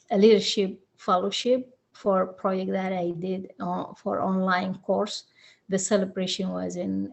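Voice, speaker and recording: A woman from Sudan introduces herself as a new director at a town hall. She speaks slowly, with a gravelly, creaky edge. Her delivery is halting and full of fillers and restarts. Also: mid-range voice.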